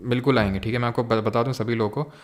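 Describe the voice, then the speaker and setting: Man, young adult, exam coach, live online class, mixes in English terms, mid-pitched voice. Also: fairly even intonation, rapid-fire.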